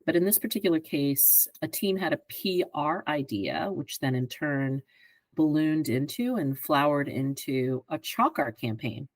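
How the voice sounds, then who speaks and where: A woman in her fifties, a guest on a podcast, explaining her work in a measured way and often checking in with "right?". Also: deep voice, expressive, no echo, poor audio. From greater Philadelphia area. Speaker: advertising executive guest. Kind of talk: podcast interview answers.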